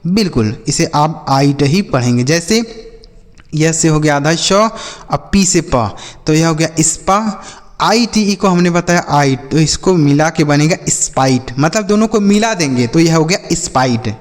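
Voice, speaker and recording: A man's voice: fairly high pitch, expressive, a little slow. A male teacher giving a phonics lesson who repeats each answer back in a call-and-response drill and calls his listeners brother and children. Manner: repetitive call-and-response drilling, asks then answers himself; addresses viewers as "my brother" and "children". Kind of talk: classroom-style phonics lesson. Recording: long hall reverb.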